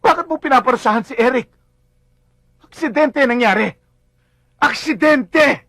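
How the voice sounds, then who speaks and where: A man's voice: high voice, animated, normal speed, pushed and bright, no room sound, studio quality, exaggerated voice. A middle-aged actor playing a father who insistently defends his son. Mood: indignant. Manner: indignant, insistent. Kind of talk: film drama acting.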